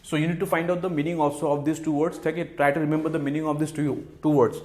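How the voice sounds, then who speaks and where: A male teacher with an Indian English accent and a somewhat high voice runs through exam vocabulary. He slides between Hindi and English and repeats each word and answer, with steady "fine" and "okay" fillers. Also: slow. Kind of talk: exam-prep vocabulary lesson.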